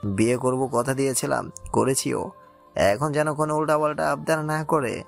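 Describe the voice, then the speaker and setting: A man voicing a nervous young groom in an audio story drama, speaking low and firm. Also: steady tone, normal speed, vocal fry, lightly acted. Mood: stern. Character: nervous young groom, worried then stern. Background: soft background music.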